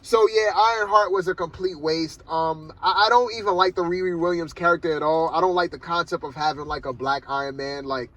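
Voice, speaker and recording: A man's voice: fairly high pitch, a little fast, few pauses, bright, forceful tone, low-quality recording. A man giving a casual, rambling film review from inside a car, loosely talking with lots of "like" and "man". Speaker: movie reviewer.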